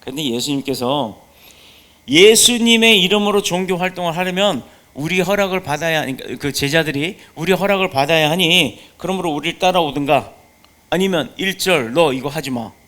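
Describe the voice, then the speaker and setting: Male pastor, sermon, high voice, emphatic, poses rhetorical questions. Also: normal speed, sharp tone.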